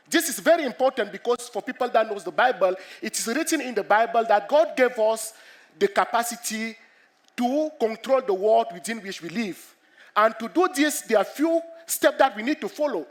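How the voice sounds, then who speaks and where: A middle-aged man from Cameroon, a mathematics professor with a cold, giving an earnest public lecture to students, halting often and repeating himself as he explains. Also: sits high. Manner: earnest, repetitive, halting with many restarts. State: has a cold.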